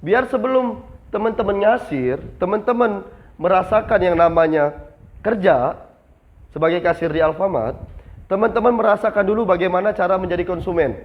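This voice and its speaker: Heard through slightly dull lo-fi audio, a young man trains new retail employees in a classroom at a moderate pace. His voice is high-pitched, and he asks the group questions only to answer them himself.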